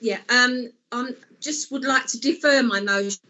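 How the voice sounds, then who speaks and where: A woman councillor dials into a meeting, and her voice comes through a conference call that cuts in and out. The sound is muffled and lo-fi, her pitch sits a little high, and she hesitates with fillers. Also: moderate pace, sharp tone. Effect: remote conference call audio that breaks up. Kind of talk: formal council meeting exchange. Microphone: remote call microphone.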